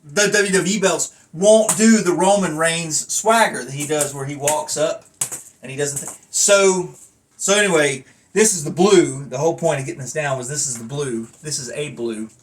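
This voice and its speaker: On a noisy phone recording made with the mic well away from him, a man reviews his hobby in a loose, rambling chat. His voice is on the high side and his speed normal, and his manner is folksy, self-deprecating and casually profane.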